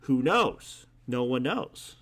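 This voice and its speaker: A man's voice: medium pitch, very animated, slow, a bit bright. A man hosting a podcast in a casual chat, rambling with plenty of fillers and frequent laughter. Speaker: podcast host.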